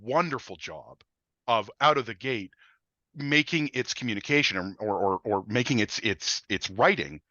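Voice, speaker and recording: A man's voice: mid-range voice, animated, moderate pace, pushed and bright, no echo. A man co-hosting a webinar in casual, enthusiastic explanatory talk, often restarting his phrases. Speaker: webinar co-host. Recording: slightly dull lo-fi sound, dry.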